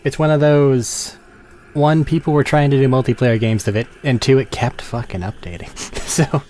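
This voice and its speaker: A man's voice: mid-range voice, steady tone, normal speed, a little mellow, a little hiss or hum. A man playing a tabletop game and chatting casually, with a dry, joking manner. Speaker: player.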